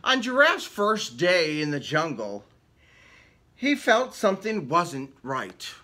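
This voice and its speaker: Reading slowly and theatrically to children, this man uses huge pitch swings in a slightly high, bright, forceful voice. He tosses casual questions to his young audience as he goes through the picture book, indoors among book cut-outs.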